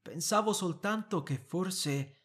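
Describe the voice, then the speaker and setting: A man's voice: sits high, slow pace, a bit bright, pitched above the performer's own voice. A man voicing a flustered, evasive middle-aged husband in an audiobook reading, hesitant and placating.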